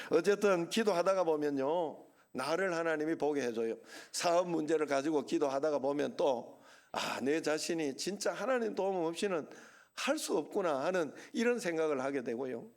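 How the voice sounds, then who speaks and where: Speaking with a Gyeongsang Korean accent, this middle-aged pastor gives a Sunday sermon in a chatty style, peppered with asides and rhetorical questions. His voice is fairly high with a darkish tone.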